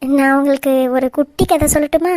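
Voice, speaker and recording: A woman's voice: high voice, steady tone, brisk, a little mellow, no room sound, close to an everyday voice. A woman voicing a bold, fearless young bride-to-be in a cartoon, teasing her elders cheekily. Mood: cheeky. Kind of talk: cartoon voice acting.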